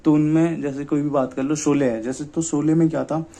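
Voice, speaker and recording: A young man giving an exam-prep lecture, often asking himself questions and checking "okay?", reading English definitions slowly. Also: a little high, flat delivery, dark tone. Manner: repeats "ठीक है" and rhetorical questions. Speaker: teacher.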